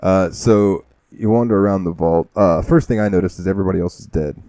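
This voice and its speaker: A man with a low, warm, mellow voice retells a game's opening on a casual podcast. He rambles and swears freely as he talks. The recording is dry and close. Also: fairly quick, no room sound. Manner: rambling, profane storytelling. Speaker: podcast host. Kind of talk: casual gaming podcast chat.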